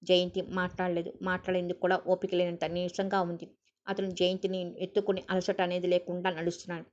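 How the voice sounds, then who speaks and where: A woman narrating an audiobook in a steady reading voice, on a dull lo-fi recording. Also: fairly low pitch, a little fast.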